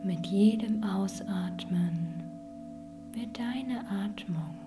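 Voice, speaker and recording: A woman whispering a guided sleep meditation like a sleep story narrator, gentle and soothing. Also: medium pitch, very slow, music in the background. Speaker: podcast host and meditation guide.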